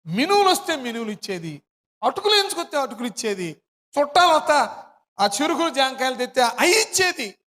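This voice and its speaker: A man preaching with a high, bright voice that rings through a large hall. He tells his testimony with lively storytelling and acts out the people in it. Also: fairly quick. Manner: animated storytelling, acts out family dialogue. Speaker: pastor. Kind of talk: sermon testimony. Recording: hall reverb.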